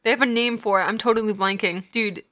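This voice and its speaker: A woman's voice: mid-range voice, steady tone, quick pace, fairly bright tone. A woman streamer reacting to a video in casual chat, incredulous, laughing and swearing freely.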